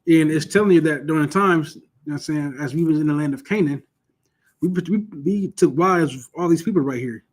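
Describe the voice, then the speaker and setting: A man with a voice on the high side teaches an informal online Bible lesson at a brisk pace. He is conversational and emphatic, often asking "you know what I'm saying" and repeating points for emphasis. He is starting to lose his voice.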